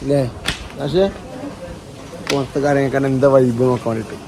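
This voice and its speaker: A man vlogging in casual Malabar Malayalam peppered with English words. He talks informally, with slangy exclamations and repeats, at an average pitch. There is some noise and ambience behind him. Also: fairly even intonation, a little fast. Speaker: family travel vlogger. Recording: noisy handheld vlog with background ambience.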